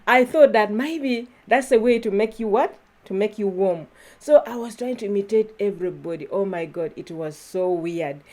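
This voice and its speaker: A woman's voice: mid-range voice, moderate pace, warm tone. A woman from Uganda, talking casually to her viewers in a vlog, chatty and often laughing. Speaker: YouTuber.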